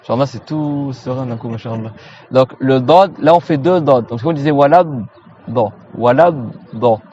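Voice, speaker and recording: A man from France teaching Quran recitation in a casual lesson, repeating each sound slowly and often checking in with his students. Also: medium pitch, muffled recording, a little hiss or hum. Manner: casual, familiar, checks in with "d'accord?". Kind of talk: informal pronunciation lesson.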